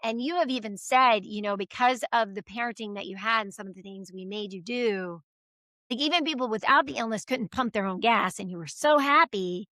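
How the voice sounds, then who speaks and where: A middle-aged woman chats as an interview guest, telling family stories and acting out every voice in them. Her voice is bright and a little high. The sound is dry and close. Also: fairly quick, no echo. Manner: animated storyteller acting out quoted voices. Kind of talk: casual chat.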